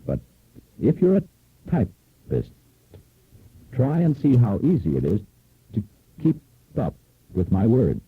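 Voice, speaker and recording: A man's voice: medium pitch, huge pitch swings, slow pace, long pauses, husky, narrow, tinny audio. A man giving scripted promotional narration for a product demo, heard from an old, worn cassette tape copy from the early 1970s.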